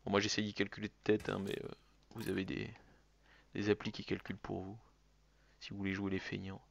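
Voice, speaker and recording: A man's voice: lowish voice, completely flat delivery, fairly quick, gravelly. A man streaming a strategy game, muttering calculations to himself between jokey asides. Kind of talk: casual let's-play commentary.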